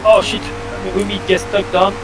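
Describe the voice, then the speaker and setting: A man's voice: high voice, little pitch movement, moderate pace, over loud music. A man with a French accent, giving short callouts while playing an online game. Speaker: player on voice chat. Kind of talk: casual game chat. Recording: noisy voice chat mic.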